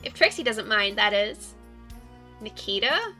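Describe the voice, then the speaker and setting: A woman's voice: mid-range voice, big pitch swings, unhurried, sharp tone, soft background music. A woman voicing a cheerful, caring, bubbly young woman in a visual novel, with a perky, encouraging way of talking.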